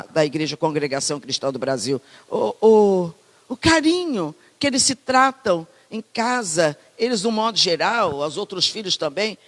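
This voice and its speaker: A woman pastor with a Brazilian Portuguese accent, preaching a sermon in a lively, conversational way with many asides. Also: mid-range voice, big-room sound. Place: church hall.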